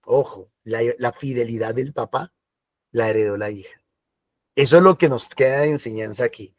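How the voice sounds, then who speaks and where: A man's voice: mid-range voice, normal speed, no echo, clean studio sound. A man giving a sermon in a conversational style, slipping into quoted voices. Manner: conversational preaching with acted asides and quoted voices. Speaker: preacher.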